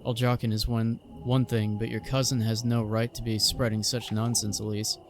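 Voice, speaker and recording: A man's voice: lowish voice, level tone, normal speed, close to an everyday voice. A man plays a gossipy old village woman from a game, nagging and indignant. She scolds like a busybody, with music behind her. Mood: scolding. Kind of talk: reading game dialogue aloud in character.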